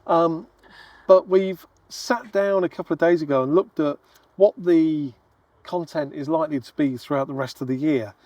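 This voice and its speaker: Travel vlogger, English male, jokey and chatty; slightly higher voice, dry sound. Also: moderate pace, a little mellow, no room sound. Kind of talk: casual chat. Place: outdoors at a museum.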